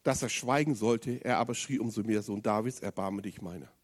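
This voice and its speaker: Preaching a sermon at a brisk clip, a man speaks straight to the congregation with questions. He moves between loud, emphatic passages and low, quiet stretches.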